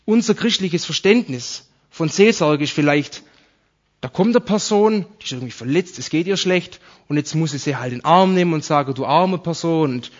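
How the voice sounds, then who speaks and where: A man's voice: fairly high pitch, lively intonation, normal speed, muffled recording. A man preaching a sermon, explaining Bible verses to his congregation in a conversational way.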